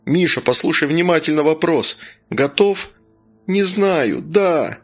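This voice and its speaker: A man's voice: a little high, expressive, slow pace, soft background music, pitched above the performer's own voice, full character voice. A man voicing a frightened father pleading with his son, voice trembling with tears. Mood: desperate. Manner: pleading then shouting, trembling. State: tearful. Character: desperate frightened father, voice shaking.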